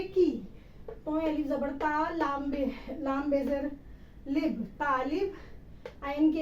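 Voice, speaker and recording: A woman's voice: high-pitched, a little mellow, roomy sound, dull audio, a little hiss or hum. A woman teaching an Urdu spelling lesson, patiently sounding out each letter and syllable.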